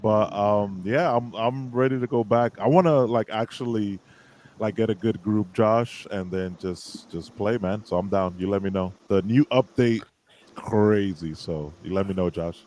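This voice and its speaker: A man's voice: fairly low pitch, measured pace, a little mellow, low-quality recording. A man in his thirties, a guest musician, chatting casually in an interview and laughing often.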